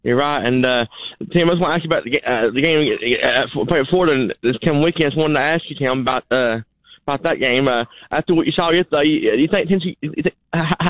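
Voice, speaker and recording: A man calling in to a radio show, his voice thin and tinny as if through a phone. He talks fast and a little high, tripping over his words, repeating and restarting phrases. The line sounds dry and close. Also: no echo. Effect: phone-line caller voice.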